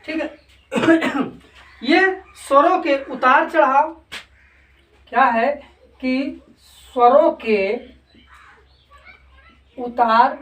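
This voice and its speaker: A high-voiced woman teaches a grammar lesson at an unhurried pace. She keeps posing a question and answering it herself. Her voice sits back from the mic in an echoey room. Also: a bit bright, distant mic. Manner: slow, repetitive, keeps asking and answering her own questions.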